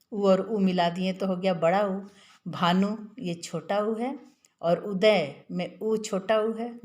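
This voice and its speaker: A woman's voice: mid-range voice, darkish tone. A woman teaching a grammar lesson, patiently stretching out vowel sounds to show how long each one takes. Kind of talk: classroom lesson explaining grammar.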